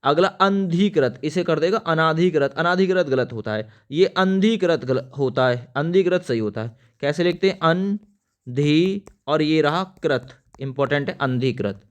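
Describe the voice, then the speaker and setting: This exam-prep spelling lesson is led by a male teacher whose smooth, clear voice sits a little high and has lively intonation. Unhurried, he spells every word letter by letter as he writes it. He treats viewers as friends and keeps emphasizing which words matter.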